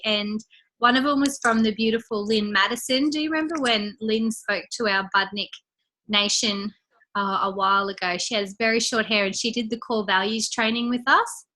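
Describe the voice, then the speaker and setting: A woman's voice: a little high, pushed and bright. A woman leading a casual training call, chatty and upbeat, a bit congested and out of breath. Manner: chatty, upbeat, lots of fillers. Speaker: team leader hosting a training call.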